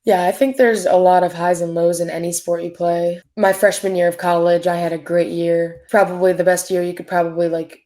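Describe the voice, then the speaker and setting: A woman in her twenties, a pro soccer player, answering interview questions in a relaxed, chatty way full of fillers. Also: fairly low pitch, a little fast, few pauses. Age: 20s. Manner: laid-back, filler-heavy, upbeat. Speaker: professional soccer player, guest. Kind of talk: casual interview chat.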